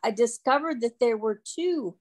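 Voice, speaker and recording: Virginian woman, Bible study leader; hesitant, halting questioner. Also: fairly high pitch, expressive, a little mellow. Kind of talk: webinar question. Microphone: video call.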